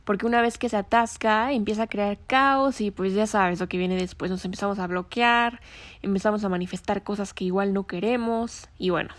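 A woman talks gently and conversationally to her listener, often pausing to pose reflective questions. Her voice sits at a middle pitch. The recording is close and dry, with no room sound. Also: fairly even intonation, no echo. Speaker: podcast host. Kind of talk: reflective self-help talk.

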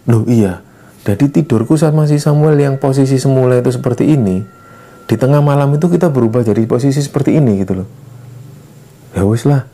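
Young man, casual ghost story, acts out dialogue, mellow tone. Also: gravelly. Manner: lively retelling, acting out dialogue with raised pitch.

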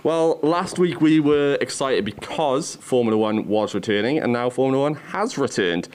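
A man with a Welsh accent hosts a podcast, guiding the talk with questions. His voice is mid-range in pitch. The delivery is casual and conversational. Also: lively intonation, normal speed, darkish tone. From Wales. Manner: steering, question-asking. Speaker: podcast host. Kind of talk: hosting a podcast.

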